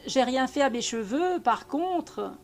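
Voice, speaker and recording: A man's voice: very high voice, animated, slow pace, vocal fry, soft background music, voice pushed up, heavily acted. A man voicing a young woman who is a breezy, teasing partner in an audiobook reading, with an offhand manner.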